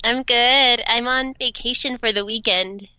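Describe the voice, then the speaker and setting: Young woman, interview guest: bright, giggly, stuffy-nosed, dry close sound. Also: on the high side, fairly even intonation, clear, resonant tone, no echo. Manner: bubbly and giggly, quick to laugh. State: stuffy nose from allergies. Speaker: voice actress guest. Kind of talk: casual podcast interview.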